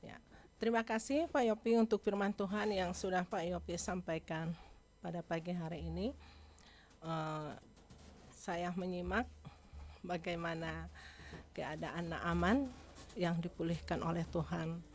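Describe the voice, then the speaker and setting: A woman's voice: lowish voice, fairly even intonation, a little slow, long pauses, a little mellow, slight background noise. A woman leading part of a church service, reflecting on the sermon and encouraging the congregation. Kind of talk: church response after sermon.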